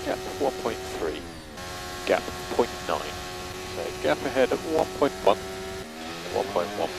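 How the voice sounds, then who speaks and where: Guy doing race engineer updates over radio, lowish voice, clipped and factual, noisy car sound behind. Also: very animated, slow pace, vocal fry. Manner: clipped, matter-of-fact. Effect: team radio transmission.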